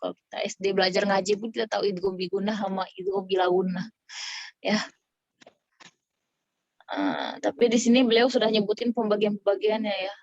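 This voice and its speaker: A woman's voice: medium pitch, lively intonation, a little fast, long pauses, darkish tone, no echo, muffled recording. A woman teaching a casual online Quran recitation lesson. She explains in a chatty way and keeps checking whether her students follow along.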